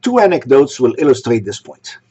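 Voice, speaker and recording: A man from Egypt delivering a sermon, posing rhetorical questions in a measured way. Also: mid-range voice, big pitch swings, mellow, breathy edge. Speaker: synagogue speaker. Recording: dull lo-fi recording.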